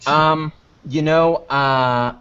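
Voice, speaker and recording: A man with a slightly high, a bit bright, clean voice talks very slowly and steadily as an interview guest about the online videos he makes. The unscripted chat is casual, rambling, jokey and self-deprecating, and the audio is dull.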